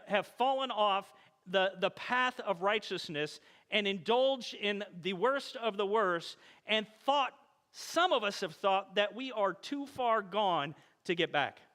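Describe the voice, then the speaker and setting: A man delivers a conversational sermon, animated and storytelling, slipping into quoted voices. His voice sits high and sounds bright and forward. The sound carries the long echo of a church sanctuary. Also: a little slow, clear, resonant tone. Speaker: pastor. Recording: echoey church hall.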